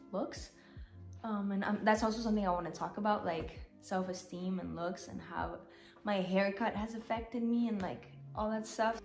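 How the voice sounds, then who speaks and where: A woman's voice: medium pitch, darkish tone. Young woman, non-native english, stuffed up nose n slightly shaky voice, candid casual vlog chat, echoey bedroom. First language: not native English speaker. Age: young adult. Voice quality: congested, stuffy-nosed. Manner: candid, informal, swearing. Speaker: vlogger. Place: small bare bedroom, indoors, sitting on a bed. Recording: echoey room.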